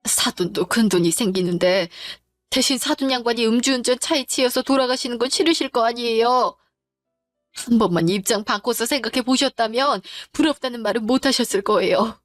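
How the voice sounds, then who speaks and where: A woman's voice: fairly high pitch, fairly quick, no echo, clean studio sound, faint music behind, lightly acted. A woman voicing a grieving middle-aged widow who speaks in a pleading yet firm way in a dramatized story. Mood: distressed.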